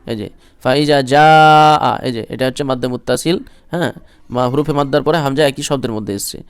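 A man teaching Quran reading, with quick explanations between slow chanted verses. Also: mid-range voice, smooth, no echo. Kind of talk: Quran recitation lesson.

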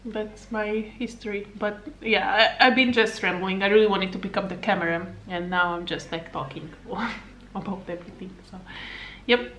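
The audio is poor, but the woman's mid-range voice comes through steady and a touch bright at a normal speed. A native Hungarian speaker from Slovakia in her thirties, with a Hungarian accent, she rambles casually as a fitness coach to a camera set on a table at arm's length in her living room, laughing a little and using fillers.

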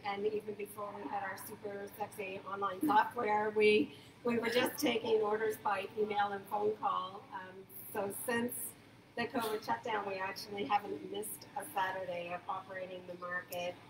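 An older woman who manages a farmers market chats eagerly in a casual interview, with plenty of fillers and restarts. Her mid-range voice is level, moderately paced and has vocal fry. A phone camera a few feet away captures her in a large indoor market hall, so the sound is distant and echoey with background hum.

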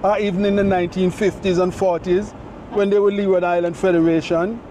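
Middle-aged man, Caribbean accent, high voice, casual vlog chat, clear road noise. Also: little pitch movement, a little fast, mellow. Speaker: vlogger and passenger. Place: front seat of a moving car.

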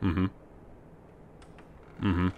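A man's voice: very slow, narrow, tinny audio, slight background noise. A young man hosting a horror game let's play, talking nervously to the game characters as he plays. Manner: animated, talks to the game characters, nervous muttering. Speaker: gaming channel host.

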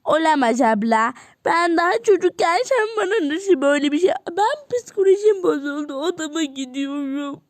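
A woman's voice: high voice, lively intonation, normal speed, hardly any pauses, no echo. A woman voicing a small, upset younger sister in a doll-game role-play, whiny and tearful.

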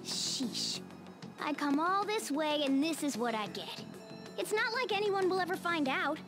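Woman doing a high-voiced bossy cat guy, impatient know-it-all, game music behind. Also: expressive, unhurried. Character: small male cat-like creature, bossy and impatient. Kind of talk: video game voice acting.

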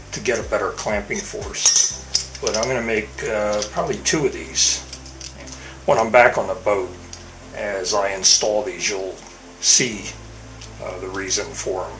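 Recorded roughly, a middle-aged boat owner with a fairly low voice gives a casual how-to tour of his boat maintenance work in his indoor home workshop garage. He's relaxed and rambling, often using fillers and starting over.

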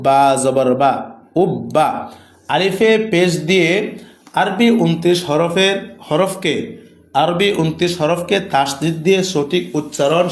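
A man with a Bangladeshi Bengali accent teaching Quran reading, spelling out Arabic letters with their vowel marks in slow, repetitive drills. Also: a little high. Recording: echoey room.

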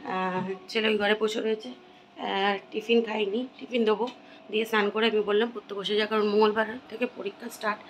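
Hoarse, tired woman vlogging at home. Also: little pitch movement, a little fast. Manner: tired, low-energy chatter. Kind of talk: casual home vlog. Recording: noisy home recording.

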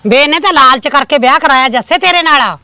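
A woman's voice: high voice, animated, pushed and bright, full character voice. A woman with a Malwai Punjabi accent plays a scolding older village mother who needles her son about his wife. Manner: scolding, needling, quick retorts. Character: sharp-tongued older village mother-in-law. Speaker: mother in a village family drama. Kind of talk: amateur village drama acting.

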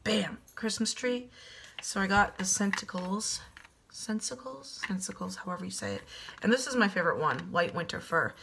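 A woman in her thirties who is losing her voice chats casually through a home decor haul in her kitchen, recorded on a webcam at desk distance. Her voice sits on the low side and is gravelly, a bit bright and slightly rough, and she comes across as chatty, upbeat and self-deprecating.

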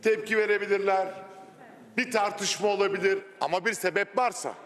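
Male MP, exasperated, pleading; very high voice, long hall reverb. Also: fairly even intonation, a little fast. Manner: pleading, exasperated, shouts at hecklers. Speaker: member of parliament. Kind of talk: parliamentary floor speech. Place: parliament general assembly hall. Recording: long reverb of a large chamber.

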